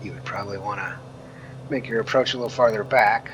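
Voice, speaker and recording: A man's voice: fairly low pitch, fairly quick. A man giving casual, rambling flight simulator commentary, thinking aloud as he plays. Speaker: flight simulator streamer and reviewer. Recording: clear engine drone and noise.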